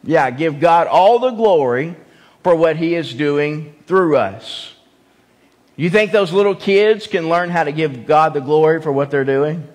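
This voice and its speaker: A man's voice: on the high side, unhurried, darkish tone. A man preaching an evening sermon, emphatic, repeating key phrases and putting questions to the congregation. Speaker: pastor. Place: church sanctuary. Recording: long church reverb.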